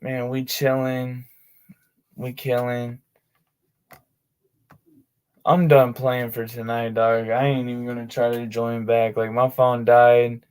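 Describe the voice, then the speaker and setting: A man's voice: mid-range voice, little pitch movement, slow pace, long pauses, a little mellow, smooth. A man streaming his tabletop game sessions, chatting casually in laid-back slang with many fillers. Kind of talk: casual livestream chat.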